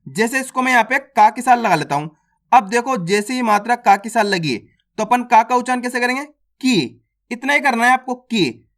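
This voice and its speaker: A man's voice: extremely high pitch, a little fast, fairly bright tone. A man teaching a Hindi alphabet lesson to a class of viewers. He asks questions, answers them himself, and checks that listeners understood. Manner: stretches out vowel sounds to demonstrate them.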